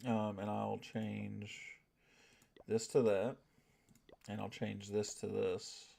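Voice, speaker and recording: A man's voice: lowish voice, completely flat delivery, takes it slowly, gravelly, warm tone. An American man chatting casually on a gaming live stream, reading chat aloud and tossing in a lot of "right?". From United States. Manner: laid-back, reads chat aloud, tag questions like "right?".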